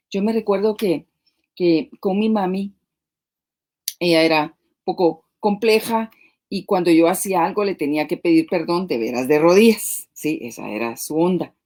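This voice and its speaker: A woman's voice: fairly low pitch, a little mellow. A woman co-hosting a live-streamed marriage talk, speaking conversationally and often checking in with rhetorical asides. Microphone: live stream microphone.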